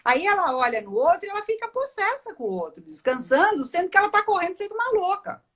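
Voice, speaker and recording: A woman's voice: extremely high pitch, big pitch swings, fast talker, fairly bright tone. A Brazilian woman, a psychologist, explaining at length on a video call and acting out quoted remarks. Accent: Brazilian Portuguese. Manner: explanatory, acts out quoted lines. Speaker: psychologist guest expert. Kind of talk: conversational interview.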